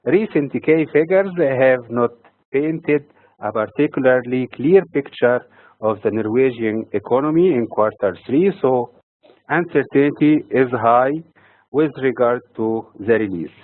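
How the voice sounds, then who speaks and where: A man from Egypt delivering a scripted economic and financial markets commentary in a measured, read-from-notes manner. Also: medium pitch, expressive, no echo. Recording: dry, tinny phone-like audio.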